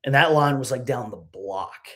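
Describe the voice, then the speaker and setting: A young man co-hosting a sports podcast, telling stories in a casual, animated way and saying "dude" often. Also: mid-range voice, normal speed. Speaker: podcast co-host. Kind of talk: casual chat.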